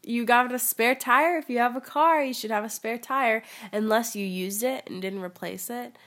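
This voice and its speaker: A woman's voice: fairly high pitch, normal speed, a bit bright. A young woman guesting on a casual podcast, telling stories in a rambling, wry, joking way. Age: young adult. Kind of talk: casual chat.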